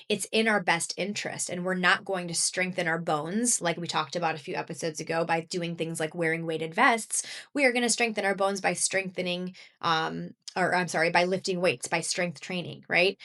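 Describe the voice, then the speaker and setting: A woman's voice: fairly low pitch, fairly bright tone. A woman in her thirties hosting a solo podcast, talking casually and upbeat, with many fillers and frequent laughs. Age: 30s. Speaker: podcast host and health coach.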